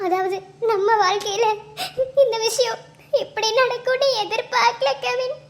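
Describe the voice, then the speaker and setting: A woman's voice: very high voice, normal speed. A woman voicing a young, anxious wife in a cartoon love story, speaking in an emotional, pleading way. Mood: tearful. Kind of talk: cartoon voice acting.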